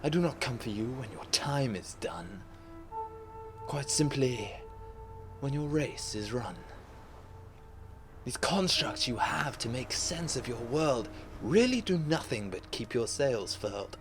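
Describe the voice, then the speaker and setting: A man playing Death as a calm, philosophical, darkly mocking watcher, speaking in hushed, deliberate rhyme. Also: mid-range voice, over music, natural voice. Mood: grave, scornful. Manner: slow, deliberate, poetic, grandiose. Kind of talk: rhymed poetic monologue.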